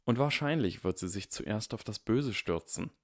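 A man's voice: fairly low pitch, lively intonation, moderate pace, no echo, studio quality, close to an everyday voice. A man reading aloud and voicing a clever, smug boy wizard who talks in a teasing, self-assured way.

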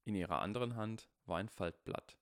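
Low-pitched guy reading a storybook aloud, calm, dry close mic. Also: brisk, no echo. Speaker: audiobook reader. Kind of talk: storybook narration.

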